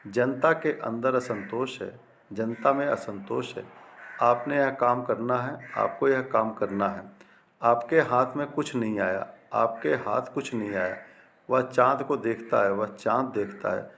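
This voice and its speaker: A man's voice: mid-range voice, a little slow, gravelly, a bit bright. Male teacher, plain mid-range voice, methodical correction drills, light room noise. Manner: repeats each example twice, wrong form then correct, with frequent "ठीक है ना" checks. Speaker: Hindi grammar teacher. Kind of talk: classroom-style lesson reading out corrections.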